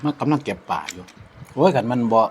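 A man's voice: medium pitch, animated, a little mellow, slight background noise. Man chatting in an Isan accent. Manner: reflective, unhurried, with frequent polite particles. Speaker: vlogger. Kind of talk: casual chat over a meal.

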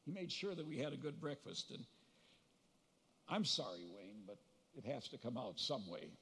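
An older man gives a funeral eulogy for his brother at a podium microphone, telling family stories with gentle humor and pauses to recall details. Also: medium pitch, animated, slightly rough. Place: large funeral hall. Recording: long reverb of a large hall.

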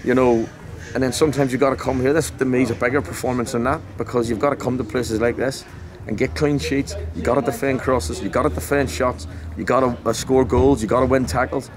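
A football manager in his forties gives a blunt, passionate post-match interview outdoors at a ground at night, emphatic and repetitive. His medium-pitched voice is steady and brisk. The handheld mic is held close, with faint outdoor noise and crowd noise.

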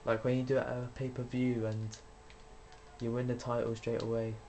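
A young man talks loosely over his gameplay at home, rambling from thought to thought at an ordinary middle pitch. He curses freely whenever a move goes wrong. A faint hiss sits under his voice. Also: monotone, moderate pace, darkish tone. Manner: chatty, rambling, swears when frustrated. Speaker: gaming YouTuber. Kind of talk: casual gameplay commentary.

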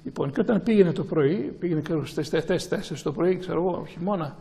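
A male priest gives a sermon to a gathering and takes questions, speaking slowly and haltingly with many restarts and repeated words. His voice is fairly high-pitched, creaky and mellow.

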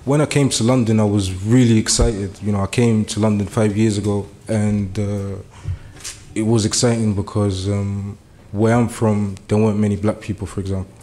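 A young community speaker from Germany stands before a meeting room and gives an earnest speech, at first hesitant and cluttered with fillers, later making urgent appeals. His fairly low voice is mellow, level in tone, and moderately paced.

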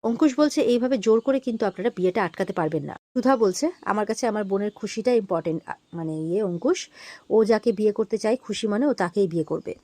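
A woman's voice: mid-range voice, fast, dark tone, dry recording. A woman casually retelling a TV serial episode, quoting the characters' lines and filling in with "mane" and "iye". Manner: retells scenes quoting characters, frequent fillers. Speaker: serial recap narrator. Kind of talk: casual storytelling recap.

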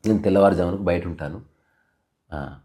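A man voicing a calm, saintly male poet who speaks gently and reverently. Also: medium pitch, fairly quick, natural voice. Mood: serene.

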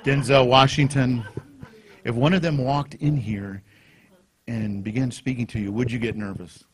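Husky-voiced man preaching conversationally. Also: mid-range voice, steady tone, normal speed. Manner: anecdotal, conversational with acted-out quotes. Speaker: conference speaker. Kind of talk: sermon storytelling. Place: conference hall.

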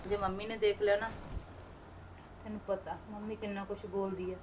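Sad hurt young woman, soft and low-key, punjabi accent, high voice. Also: a little fast, slight background noise, rough recording. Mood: downcast. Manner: soft, downcast.

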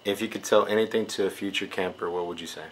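Upbeat fast-talking male interviewer. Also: low-pitched, fairly even intonation, slight background noise, rough recording. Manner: upbeat, keeps saying awesome. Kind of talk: off-camera interview questions.

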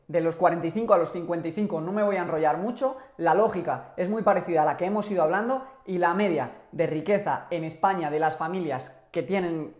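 A young man from Spain, explaining personal finance to camera in a measured, gesturing manner from a small home office on a lapel mic. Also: sits high, reverberant. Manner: animated hand gestures, measured explanatory delivery.

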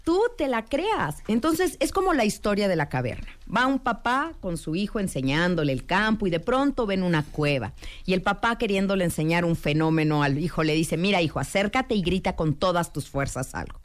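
A middle-aged Mexican woman talks on a radio show with a lively, swooping pitch. She tells stories and speaks straight to her listeners. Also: brisk. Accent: Mexican Spanish. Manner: animated, storytelling, addresses listeners directly. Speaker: guest expert. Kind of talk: radio talk show discussion.

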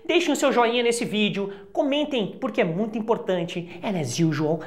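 A woman with a Brazilian Portuguese accent teaches English in a relaxed, chatty way. Her voice sits at a mid pitch. She slows right down whenever she models an English example phrase. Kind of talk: casual teaching to camera.

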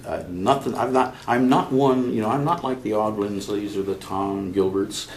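An older man, a guest in an interview, telling stories in a halting way with many restarts. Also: on the low side, fairly even intonation, roomy sound, slight background noise. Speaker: interview guest, chapter member. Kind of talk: conversational storytelling.

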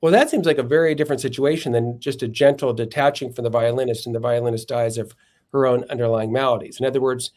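A man in a podcast interview lays out philosophical arguments in a measured, step-by-step way, often stopping to correct himself mid-phrase. His voice sits at an ordinary middle pitch. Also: fairly even intonation, a little mellow. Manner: measured, methodical, frequent self-corrections. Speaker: philosophy professor guest.

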